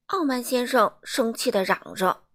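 A woman reading a children's picture book aloud in a lively, expressive, dramatic way. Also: fairly high pitch, a little slow. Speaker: storyteller for children.

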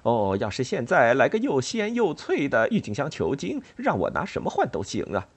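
A man voicing an excitable young male field mouse, breathless and hurried in a storybook reading. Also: husky, exaggerated voice. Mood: excited. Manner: high, squeaky and hurried.

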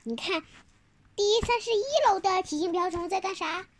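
A child telling a picture-book story informally, halting, repeating words and asking the listener questions. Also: extremely high pitch, a little hiss or hum.

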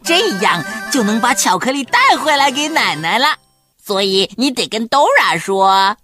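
A helpful cartoon map guiding young children. The voice is fairly high and very animated, spelling out each step slowly and cheerfully. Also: female voice, music in the background. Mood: cheerful, instructing. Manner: clear step-by-step instructing.

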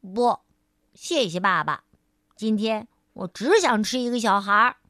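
A woman's voice: medium pitch, expressive, measured pace, sharp tone, dry recording, studio quality, pitched below the performer's own voice. A woman voicing a stubborn little boy crocodile who whines and insists. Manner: whiny, insistent.

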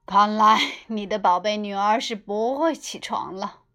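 A woman's voice: mid-range voice, measured pace, pushed and bright, soft background music, pitched below the performer's own voice. A stern, exasperated dad from a children's storybook, voiced by a woman narrator. He speaks firmly and takes his time over the words. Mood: wry. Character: stern, exasperated father of a sleepy girl. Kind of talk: storybook character voice.

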